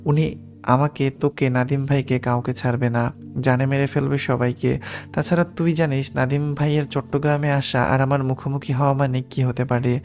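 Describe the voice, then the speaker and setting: A man's voice: mid-range voice, flat delivery, normal speed, a little mellow, close to an everyday voice. A man voicing a frightened, agitated young woman. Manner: pleading, urgent.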